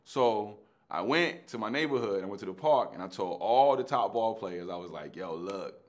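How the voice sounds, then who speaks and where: Low-voiced New man telling stories. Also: lively intonation, normal speed. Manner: acts out dialogue in street slang, swings from hushed to loud. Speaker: actor telling his life story. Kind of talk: animated anecdotal storytelling.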